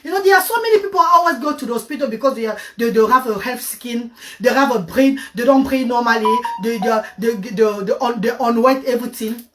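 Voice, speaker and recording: High-voiced coaxing woman, a bit off-mic. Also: a little fast, few pauses, far from the mic, soft background music. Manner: coaxing, showers viewers with endearments; switches between French and English. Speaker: live-stream host giving diet advice. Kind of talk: casual live-stream chat.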